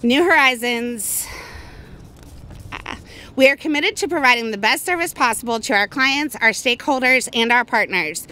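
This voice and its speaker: Bright-voiced woman giving a speech. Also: fairly high pitch, expressive, moderate pace. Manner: upbeat, formal. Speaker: communications officer. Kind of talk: ceremony speech.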